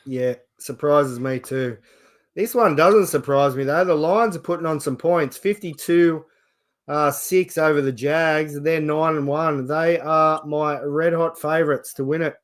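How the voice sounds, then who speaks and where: An Australian man with a fairly high voice presents a casual sports show. He chats through results as the host, in an informal style. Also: measured pace.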